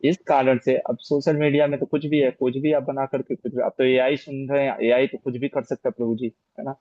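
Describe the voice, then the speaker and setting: A man's voice: mid-range voice, level tone, fairly quick, dark tone, no room sound. A man leads a scripture class and answers students one by one, patient and explanatory. He keeps checking that they follow. His voice is dry and close, with dull audio that has little top end. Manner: patient, explanatory, repeats key points with rhetorical "है ना?". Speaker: spiritual teacher leading a scripture class. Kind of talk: Q&A after a scripture lecture.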